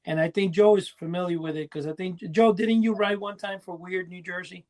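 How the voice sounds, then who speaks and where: This middle-aged or older man co-hosts a podcast, rambling conversationally in a casual panel chat. His voice is high and darkish, with fairly even intonation and a brisk pace.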